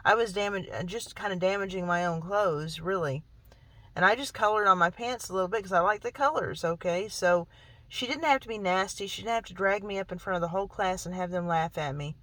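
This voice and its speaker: A woman's voice: on the low side, a bit bright, no room sound, rough recording. A woman vlogger recounting a personal story in an emphatic, repetitive way, often checking in with "okay?" and sounding shaken. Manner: emphatic, repetitive, keeps adding "okay?" and "really"; emotionally shaken when recounting hurt.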